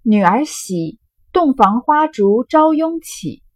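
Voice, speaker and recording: A woman reading aloud as a crude, blustering young rich man, loud and halting. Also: on the high side, big pitch swings, no room sound, pitched above the performer's own voice, heavily acted.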